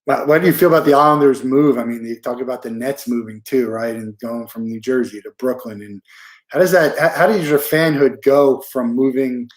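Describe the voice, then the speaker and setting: A man's voice: mid-range voice, fairly quick. A man hosting a casual interview podcast, asking questions in a conversational way with fillers. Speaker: podcast host.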